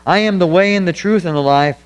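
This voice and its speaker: A man's voice: sits high, fast talker, smooth, poor audio. A man preaching a sermon as pastor, earnest and emphatic, hammering points home through repetition. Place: church.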